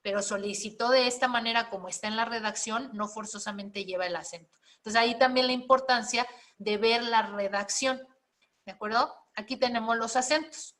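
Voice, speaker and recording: A woman's voice: fairly high pitch, fairly even intonation, fairly quick, fairly bright tone. A woman teaching a spelling and writing class, explaining step by step and often checking in with her students. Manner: explanatory, checks in with frequent questions.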